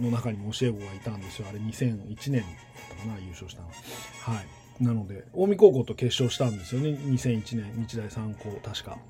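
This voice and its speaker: A man in his forties from western Tokyo, speaking standard Japanese with a Kansai tinge, talks to nursery teachers in a casual solo monologue, rambling and thinking aloud with many pauses. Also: on the low side, mellow.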